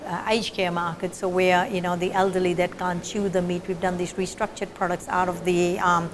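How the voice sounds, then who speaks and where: In an interview, a middle-aged woman from Fiji who works as a meat scientist describes her research, often using fillers and starting over. She talks at normal speed in a lowish voice with little pitch movement, against a noisy background.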